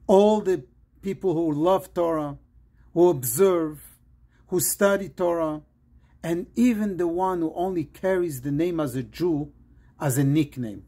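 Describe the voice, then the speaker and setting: Slow, husky rabbi from Morocco. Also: male voice, fairly high pitch, a little mellow. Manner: earnest, deliberate phrasing in short measured phrases. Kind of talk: pre-Shabbat sermon message.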